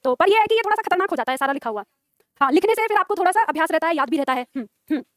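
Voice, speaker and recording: A woman's voice: very high voice, lively intonation, very fast, no room sound. A woman teaching Hindi, chatting to her class and online students with frequent laughs. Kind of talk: live classroom lesson chat.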